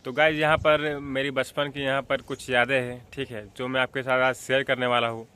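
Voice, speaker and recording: A man's voice: medium pitch, little pitch movement, brisk, sharp tone. Rambling young man telling a childhood story. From Jharkhand, India. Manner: rambling, with frequent filler checks like "theek hai" and "hai na"; clears his throat often. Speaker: vlogger. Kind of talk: casual storytelling vlog.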